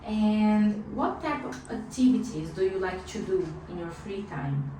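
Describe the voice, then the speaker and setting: A woman acting as an English speaking examiner in a mock test, asking short, clearly paced questions. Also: mid-range voice, expressive, a little slow, dark tone. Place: classroom. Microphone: distant room microphone. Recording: echoey room far from the mic, clear background noise.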